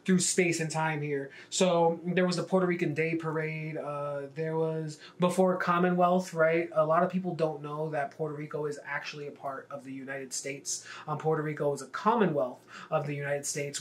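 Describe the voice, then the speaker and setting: A man's voice: a little high, fairly even intonation, moderate pace, hardly any pauses. A man, a poet, casually talking viewers through his own poem in a loose, chatty way, with many fillers and stumbling repeats. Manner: addresses viewers directly in friendly slang. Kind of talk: casual spoken walkthrough to camera.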